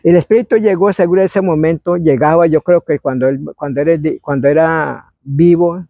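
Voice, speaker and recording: A man, telling an oral history story in a meandering way and acting out shouts and quoted voices. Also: fairly high pitch, moderate pace, dry recording. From Colombia. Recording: dry, phone-like narrow sound.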